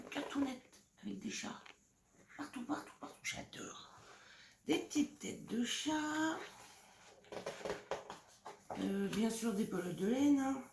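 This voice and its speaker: A woman's voice: fairly high pitch, vocal fry. A woman showing off scrapbooking paper pads in a casual vlog, gushing and sometimes dropping to a whisper. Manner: gushing, lots of "franchement" and "regardez-moi ça". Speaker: scrapbooking vlogger. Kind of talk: casual show-and-tell. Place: home craft room. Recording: echoey room from a distance, noisy.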